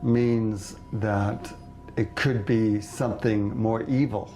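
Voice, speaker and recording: A man's voice: on the low side, steady tone, takes it slowly, mellow, faint music behind. A man hosting a ghost-hunting documentary, narrating and asking short eager questions. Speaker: host and investigator.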